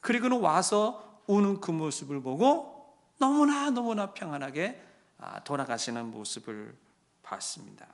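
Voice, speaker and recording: A male pastor telling a story in his sermon, dropping to a hush and then rising loud and impassioned. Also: high-pitched, very animated, a little slow. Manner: swings from hushed to loud and impassioned.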